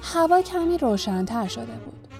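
A woman narrating a storybook in a calm, even reading voice. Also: fairly high pitch, soft background music. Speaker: audiobook narrator.

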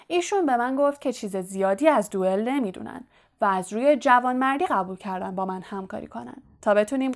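Woman doing a boastful male wizard teacher, storybook voice, raised pitch, loud and showy, pleased with himself. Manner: showy, self-satisfied, grandly projected. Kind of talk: audiobook character voice.

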